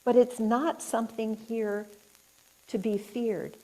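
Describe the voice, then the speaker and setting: A woman speaking slowly and deliberately with a slightly high, mellow voice. She tells a personal story to an audience and turns it into earnest questions about how to live. She speaks as an inspirational speaker at a spiritual center. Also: steady tone, poor audio. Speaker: inspirational speaker and life coach. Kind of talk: reflective storytelling talk. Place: spiritual center hall, indoors.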